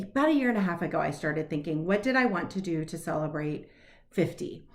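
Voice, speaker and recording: Chatty woman in her late 40s, upbeat, talking to her stitching viewers, laughs at herself a lot. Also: on the low side. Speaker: cross stitch vlogger. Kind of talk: casual chat to camera.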